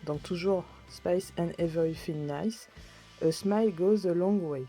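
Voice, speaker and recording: Chatty woman with a mellow voice. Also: fairly low pitch, measured pace, soft background music. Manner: chatty, many fillers and restarts; apologetic about her English pronunciation. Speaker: vlogger. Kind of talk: casual haul video.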